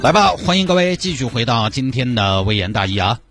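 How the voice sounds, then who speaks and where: A man's voice: medium pitch, very animated, brisk, loud music behind the voice. A man hosting a radio show, telling a news story in a playful, teasing way. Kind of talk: comic news chat.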